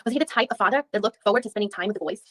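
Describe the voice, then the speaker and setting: In a read-aloud legal reenactment of a deposition, a woman voices a female attorney questioning a witness methodically and probingly, restarting often. Her voice is medium-pitched, rapid-fire and fairly bright, with no echo and close to how she'd normally sound.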